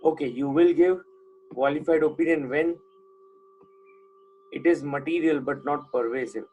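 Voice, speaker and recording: Husky-voiced man lecturing a class. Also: fairly high pitch, normal speed, phone-quality sound. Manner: asks students questions and repeats key points. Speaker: teacher.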